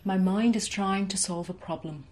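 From her home office, where framed certificates hang, a young woman leads a guided tapping session. She speaks slow, soothing, rhythmic phrases for the listener to repeat back. Her voice is mid-range and a little mellow.

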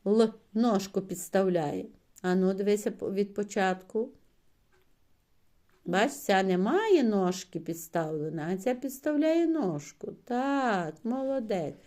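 A woman's voice: medium pitch, lively intonation, slow pace, mellow. A woman teacher giving a patient one-on-one reading lesson to a child, coaxing and praising often and stretching out letter sounds.

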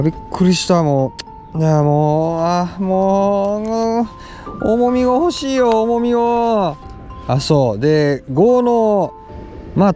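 A young man with a Kansai accent chatting excitedly while fishing outdoors on a lake, with quick exclamations. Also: high voice. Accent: Kansai Japanese. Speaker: fishing vlogger. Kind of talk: casual commentary while fishing.

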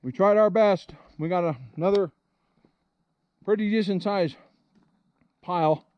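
A fairly high-voiced man talks casually to his camera while working outdoors in a forest clearing. His delivery is plain-spoken and joking, like an easygoing vlog host. The audio is dry and a bit dull, as if captured by a small handheld camera. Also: unhurried, no echo.

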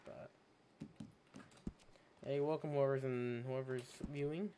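A man's voice: mid-range voice, steady tone, slow, warm tone, slight background noise. A man chatting casually and profanely while streaming a game, rambling and laughing often. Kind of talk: casual gaming stream chat.

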